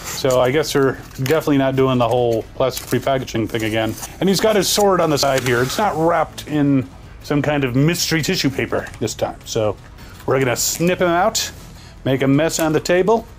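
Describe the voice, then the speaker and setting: A man's voice: medium pitch, animated, moderate pace. A man hosting a casual toy unboxing review, talking through it with joking, wisecracking asides.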